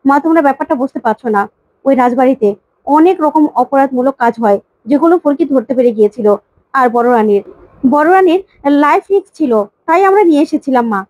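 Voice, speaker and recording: A woman's voice: high-pitched, lively intonation, fast talker, a little mellow, no room sound, lo-fi sound. A woman voicing an earnest, protective young husband who explains urgently, while retelling a serial plot.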